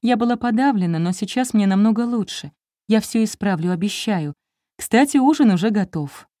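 A woman's voice: mid-range voice, animated, moderate pace, warm tone, no room sound, studio quality, pitched above the performer's own voice, close to an everyday voice. A woman reading an audiobook, voicing an anxious, tearful young wife in an emotional, pleading tone. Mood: nervous.

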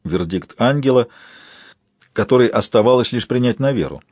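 Male audiobook narrator, husky voice, dry close studio sound, wry delivery. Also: medium pitch, animated, normal speed, a little mellow, no echo.

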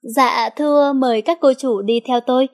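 A woman's voice: sits high, fairly even intonation, normal speed, lightly acted. A woman voicing a polite, deferential male bodyguard.

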